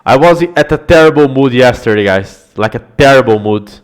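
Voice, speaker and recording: A male streamer talks his viewers through a strategy-game series in a loose, casual way. He chats with the audience between plays, laughs often and swears freely. His voice sits at an everyday middle pitch. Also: animated, normal speed.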